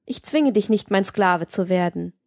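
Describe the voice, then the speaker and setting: A woman's voice: mid-range voice, lively intonation, normal speed, a little mellow, dry recording, clean studio sound. A woman reading an audiobook, voicing a cold, imperious woman who commands her lover in a stern, haughty way. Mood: stern, commanding. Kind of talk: audiobook reading of a classic novel.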